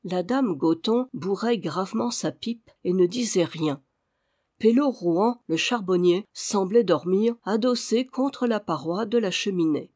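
Measured audiobook narrator. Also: medium pitch, darkish tone. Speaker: audiobook reader. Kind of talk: scripted narration.

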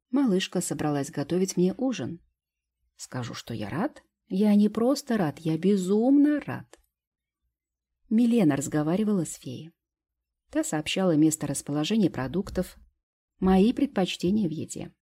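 Woman, audiobook narrator, husky, low, mellow, intimate storytelling. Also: big pitch swings, normal speed. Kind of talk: first-person audiobook narration.

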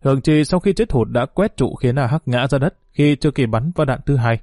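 A man reads a dramatic story aloud with steady, even narration. His tone is dark and mellow, and the recording is close and dry. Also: medium pitch, fairly quick, no echo. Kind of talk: scripted audiobook narration.

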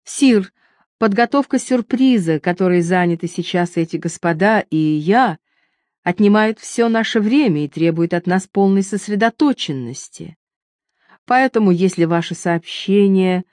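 A woman's voice: mid-range voice, unhurried, darkish tone, no room sound, close to an everyday voice. A capricious young queen, as a woman reads her, teasing and lightly condescending. She mocks with a raised, lilting voice. The storybook recording is dry and close. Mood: coaxing.

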